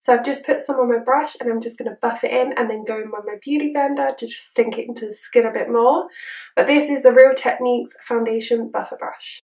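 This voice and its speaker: Chirpy, high-voiced young woman in a roomy space. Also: steady tone, fairly quick, darkish tone, distant mic. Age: young adult. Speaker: beauty vlogger reviewing makeup. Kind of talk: casual chat to camera, product review. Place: small room indoors. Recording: roomy indoor echo.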